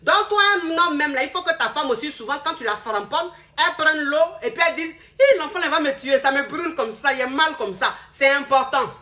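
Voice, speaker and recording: Lively woman doing a live sales pitch into her phone, high bright voice, talks right to viewers. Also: a little fast, few pauses. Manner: animated, mimics voices, addresses viewers directly. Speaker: seller of remedies and coach. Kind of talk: casual live sales talk.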